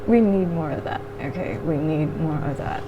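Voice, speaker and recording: Eating on camera while reviewing a show, a vlogger with a slightly low voice talks at normal speed, wandering between thoughts in casual mukbang fashion and swearing now and then. The recording is muffled, with clear background noise behind her.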